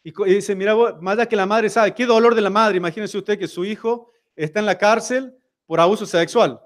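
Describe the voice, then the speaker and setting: High-voiced Rioplatense man preaching. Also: fairly even intonation, brisk. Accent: Rioplatense Spanish. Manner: talks to the congregation with frequent rhetorical questions. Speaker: seminar speaker at a church. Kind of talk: conversational sermon. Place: church.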